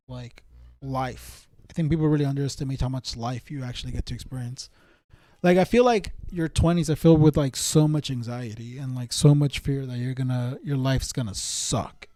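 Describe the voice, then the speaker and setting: A man of about thirty chats casually with his viewers as a live streamer, rambling in slang and often looping back to repeat himself. His voice sits in the mid range with a dark tone, and there's no echo.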